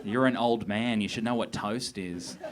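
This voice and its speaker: Deadpan young comic, crowd laughing. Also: male voice, fairly low pitch, moderate pace. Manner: deadpan, awkward self-deprecating delivery. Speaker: stand-up comedian. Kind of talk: stand-up set. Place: large theatre stage. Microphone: handheld stage mic. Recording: live theatre with crowd laughter. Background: audience laughter.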